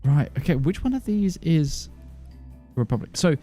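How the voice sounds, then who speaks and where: A man's voice: on the high side, big pitch swings, moderate pace, warm tone, soft background music. A man hosting a quiz segment on a live show, joking and self-deprecating. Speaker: quiz host.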